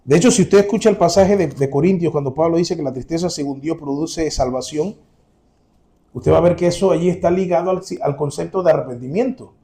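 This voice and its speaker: A man's voice: a little high, brisk, warm tone. A man preaching a sermon to his congregation, earnest and direct, repeating his key points.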